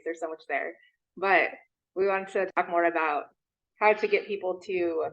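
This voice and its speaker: A woman reporting her group's ideas at a member meeting, halting with many fillers, talking through a mask. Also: fairly low pitch, dull audio. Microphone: masked, in a meeting room.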